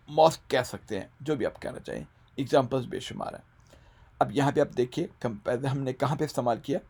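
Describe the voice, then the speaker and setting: A man with a Punjabi-Urdu accent teaching an English grammar lesson. He explains step by step, asks rhetorical questions, and slows right down to read out English example sentences. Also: mid-range voice, a little mellow, husky.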